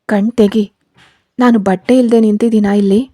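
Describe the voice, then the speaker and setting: A cold, cruel young husband in a spoken storybook, snapping his words out loud and harsh, as a woman reader puts him on. The voice is dark and mellow, recorded close and dry with no room sound. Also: mid-range voice, flat delivery, normal speed, dry recording, close to an everyday voice. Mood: angry.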